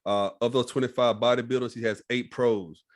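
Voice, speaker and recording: A man's voice: mid-range voice, steady tone, a little fast. A man hosting a podcast interview, laid-back and casual, often tagging "all right?" and swearing freely. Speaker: podcast host.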